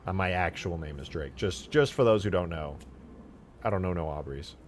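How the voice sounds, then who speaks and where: A man's voice: sits low, normal speed, a little hiss or hum. Profane young man ranting on stream. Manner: profane, exasperated, swings from mutters to loud outbursts.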